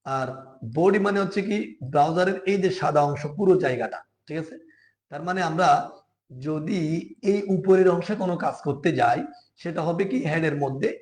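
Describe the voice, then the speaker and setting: A man's voice: a little high, a little mellow. Patient male coding teacher, echoey room. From Bangladesh. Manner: slow, patient, step-by-step, often asks "ঠিক আছে?". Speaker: programming teacher. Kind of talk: live screen-share coding class.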